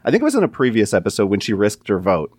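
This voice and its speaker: A man with a lowish voice co-hosts a casual podcast, steering the conversation with curious questions. The recording is dry and close, with no room sound. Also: huge pitch swings, racing, a little mellow, husky, no room sound. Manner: inquisitive, leads the discussion with questions. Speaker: podcast co-host. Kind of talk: casual chat.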